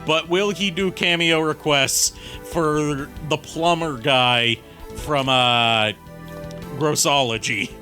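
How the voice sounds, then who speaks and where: A man's voice: fairly high pitch, takes it slowly, bright, forceful tone. A man casually commentating on a live game stream in a crude, jokey, rambling way. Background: faint music.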